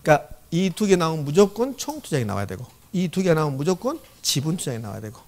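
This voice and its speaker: A man giving an exam-prep lecture, reading formulas slowly, repeating them and often checking whether students follow. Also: a little high, big pitch swings, a little mellow. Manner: frequent check-in questions to the class. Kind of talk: classroom lecture.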